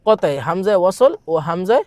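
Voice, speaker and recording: A man's voice: high-pitched, moderate pace, a little mellow, no room sound. Guy tutoring exam grammar, reads a line then asks "what is it?" and repeats, dry close sound. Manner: reads lines aloud, translates, repeats, asks rhetorical questions. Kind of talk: recorded grammar lesson.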